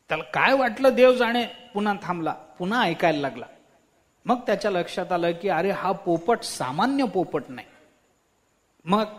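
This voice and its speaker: Male preacher, storytelling sermon, very high-pitched, animated, dramatic pauses.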